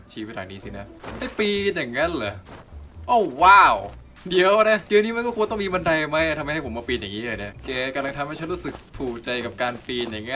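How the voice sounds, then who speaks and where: A man giving excitable, crude let's-play commentary as a gaming video host. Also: mid-range voice. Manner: excitable, crude, bursts into loud exclamations. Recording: game music behind the voice.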